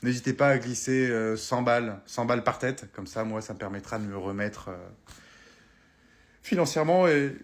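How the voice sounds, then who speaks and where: A man's voice: mid-range voice, moderate pace, natural voice. A man voicing a son giving a mock-solemn, insulting eulogy in a comedy sketch, hesitant with many fillers. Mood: deadpan. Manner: hesitant, deadpan, full of "euh".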